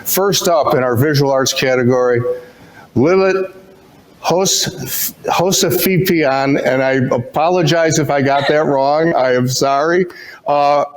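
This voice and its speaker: A man's voice: fairly high pitch, unhurried, poor audio. A man hosting an online award ceremony, friendly and a bit fumbling over names. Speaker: awards host.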